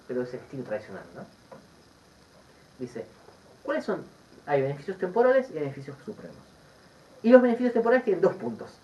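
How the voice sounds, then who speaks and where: A Buddhist teacher with a Rioplatense Spanish accent, giving a Dharma teaching full of stories and asides. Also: mid-range voice. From Argentina. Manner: lively storytelling with asides and laughter. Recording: distant dull recording with faint background noise.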